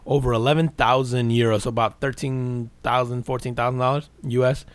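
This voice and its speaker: A man's voice: mid-range voice, flat delivery, brisk, clean tone, dry recording. Frat-bro American man, casual and profane. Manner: frat-bro slang, calls people bro and man. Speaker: podcast host.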